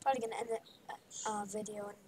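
A woman's voice: mid-range voice, little pitch movement, racing. A woman giving playful, rambling commentary while playing a video game, often dropping into whispers, over a noisy home recording. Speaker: gaming video creator. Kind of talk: casual gameplay commentary.

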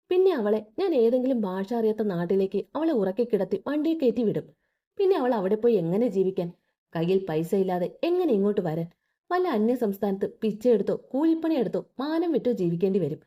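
A woman's voice: mid-range voice, mellow. A woman voicing a scheming young plotter.

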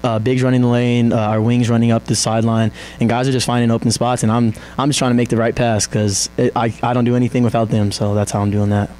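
Young guy after a game, low monotone, slow with lots of ums, faint hum behind. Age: young adult. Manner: soft-spoken, halting, many ums. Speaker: college basketball player. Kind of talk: postgame interview. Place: press backdrop indoors. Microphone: handheld mic held by interviewer.

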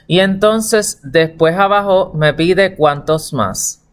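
Patient, slow-talking male teacher. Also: high-pitched. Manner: patient, repeats words and checks with "¿verdad?" and "¿ok?". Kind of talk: slow classroom instruction for children.

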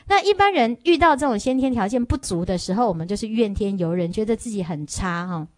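A woman's voice: medium pitch, animated, fairly quick, dry recording. A Buddhist nun giving a sermon, telling a story, tagging her phrases and putting questions to listeners. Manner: storytelling lecture with frequent "hao" and "ha" tags. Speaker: Buddhist nun teaching a sutra.

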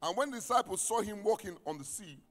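A man preaching a sermon as pastor, reading scripture and quizzing his congregation, swinging from shouts down to near-whispers. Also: high-pitched, animated, fast. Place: church hall. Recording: reverberant church hall with music.

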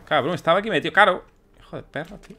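A young man doing let's play commentary, excitable and swearing as he plays. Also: on the high side, very fast, a little hiss or hum. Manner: excitable, swears often, exclaims mid-game. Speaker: gaming YouTuber.

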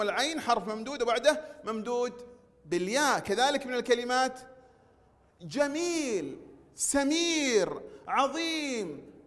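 A man teaching a recorded language lesson, drawing out words slowly and praising the pupils. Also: extremely high pitch, a bit bright. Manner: slow drawn-out pronunciation drills with praise. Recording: long hall reverb.

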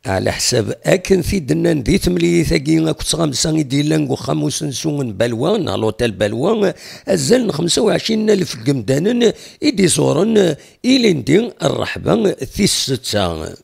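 A man's voice: on the high side, sing-song, brisk, gravelly, darkish tone, slightly rough. A man narrating a regional news report as voice-over.

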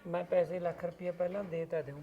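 A woman playing a gravelly, fast-talking young village man. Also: lowish voice, flat delivery, warm tone, lo-fi sound, close to an everyday voice. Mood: wary. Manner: wary, haggling, easily placated. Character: gullible young village man, eager to wed. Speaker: devar in a comedy skit.

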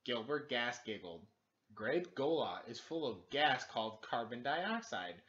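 Recorded at home in a living room, a man in his thirties reads a children's storybook aloud as a teacher would, with big, expressive emphasis. He speaks unhurriedly in a mid-range voice, and the audio's high frequencies are cut off.

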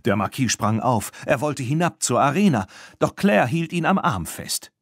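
With big swings in pitch, this man narrates a children's story for an audiobook, his low, husky voice making the tale expressive. He moves at a moderate pace. The sound is close and dry.

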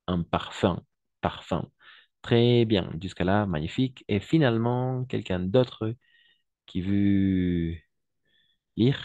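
A man's voice: lowish voice, slow, long pauses, a little mellow, no echo, highs cut off. A man teaching French in an online class, patiently repeating each word and translating into Spanish. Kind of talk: online language lesson.

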